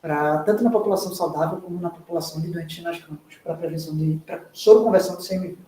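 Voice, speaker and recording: A woman's voice: lowish voice, quick pace, mellow, far from the mic, a little hiss or hum. A woman with a Brazilian Portuguese accent giving a clinical lecture and thanking her hosts, in an earnest, explanatory way. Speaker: guest lecturer, nephrologist. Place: hospital meeting room. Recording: echoey room, speaking away from the mic.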